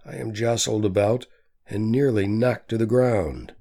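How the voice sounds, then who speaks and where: A man reading a story aloud as an audiobook narrator, in a measured, steady manner. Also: lowish voice. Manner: slow, measured reading with quietly voiced quotes. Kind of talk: scripted narration.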